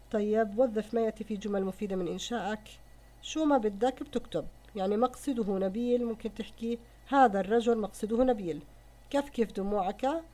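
A woman's voice: mid-range voice, dark tone. A woman teacher explaining a poem, mixing formal with everyday speech. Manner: mixes formal Arabic with colloquial explanation. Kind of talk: explaining a poem in an Arabic lesson.

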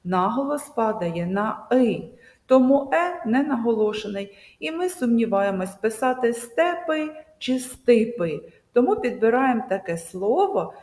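A woman teacher giving a video lesson to children, speaking slowly and emphatically and drawing out example words. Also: mid-range voice, darkish tone. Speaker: primary school teacher. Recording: echoey room with long reverb.

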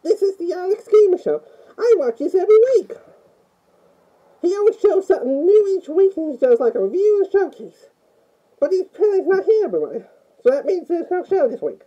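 A woman with an extremely high, sing-song voice that still has a dark tone speaks briskly as a timid, easily scared Italian plumber, faking an Italian accent. She's a fan playing the game character, rambling nervously through a review with lots of "oh" and "mamma mia." The recording is muffled.

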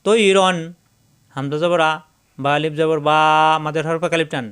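Smooth-voiced man teaching Quran spelling. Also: on the high side, steady tone, fairly bright tone. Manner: spells syllables slowly, then chants the verse drawn out. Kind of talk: spelling-out recitation lesson.

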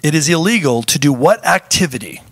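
A man's voice: a little high, lively intonation, brisk, fairly bright tone, dry recording. A man co-hosting a talk show, playfully reading out trivia questions and repeating them with laughs. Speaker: co-host. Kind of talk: casual chat, quiz questions.

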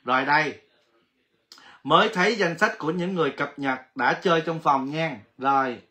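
A man hosting a casual livestream giveaway, chatty and excitable, exclaiming often. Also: on the high side, normal speed. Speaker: livestream host.

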